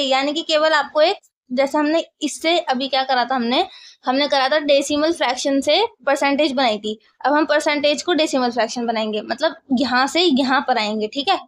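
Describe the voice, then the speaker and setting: A woman teaching a maths lesson, explaining step by step and often asking if the class follows. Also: high voice.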